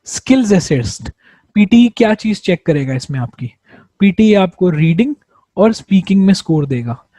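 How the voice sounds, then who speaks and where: A man's voice: high voice, dark tone, no echo. A man teaching exam prep, explaining step by step, repeating points and answering his own questions. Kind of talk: explanatory lesson.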